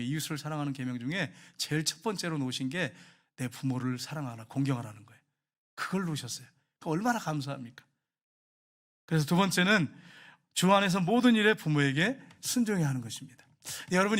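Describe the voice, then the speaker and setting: A middle-aged man preaching a sermon as pastor, telling a story and acting out quoted lines with sudden loud rises and hushed drops. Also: a little high.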